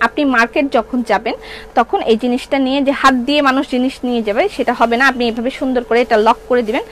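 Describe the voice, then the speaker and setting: A woman's voice: fairly high pitch, slight background noise, poor audio. A middle-aged woman with a Bangladeshi Bengali accent selling clothes on a live stream, chatting and answering viewer comments. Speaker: online shop seller. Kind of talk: live-stream product sale.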